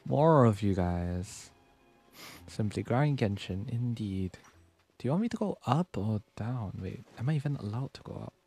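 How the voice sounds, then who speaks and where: A young man streams a game and chats casually over game music, thinking aloud in a laid-back way. His voice is fairly low and expressive, a little slow, husky and dark-toned with vocal fry. He's a game streamer and virtual YouTuber.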